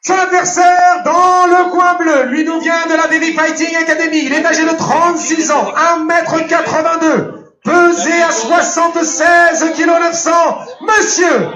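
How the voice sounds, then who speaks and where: High, shouting male boxing ring announcer. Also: fairly even intonation, measured pace. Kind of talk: boxing ring announcer calls, shouted fighter introductions with stretched-out names. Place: large indoor fight venue. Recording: echoey arena PA, distant, music and crowd.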